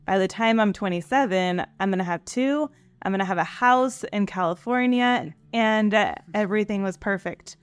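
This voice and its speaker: A woman's voice: mid-range voice, normal speed, clean tone, no echo. A woman in her late twenties, an admissions counselor giving upbeat, chatty advice on a panel. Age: 20s.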